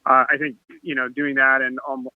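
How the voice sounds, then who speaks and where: Hesitant man caller, flat phone voice. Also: medium pitch, normal speed, no room sound. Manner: hesitant, appreciative. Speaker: public comment caller. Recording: tinny dry phone line.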